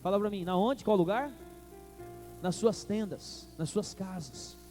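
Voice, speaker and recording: A Brazilian Portuguese-accented man preaches a sermon, calling out to the congregation. His voice sits high but sounds soft and mellow. Faint music plays behind him. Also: a little slow. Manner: preaching with call-and-response to the congregation. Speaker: pastor.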